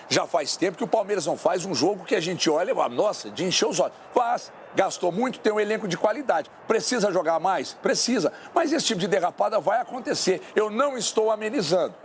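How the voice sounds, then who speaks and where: A man's voice: sits high, expressive, fairly quick, hardly any pauses, slight background noise. A man debating on a sports talk show, emphatic and repeating his points. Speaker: sports pundit. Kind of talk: heated studio debate. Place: television studio.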